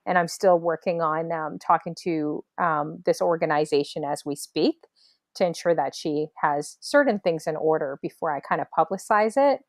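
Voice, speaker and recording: Female host, casual chat, slightly low pitch, energetic and chatty, dry room. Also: no room sound. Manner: chatty, upbeat, quick to laugh.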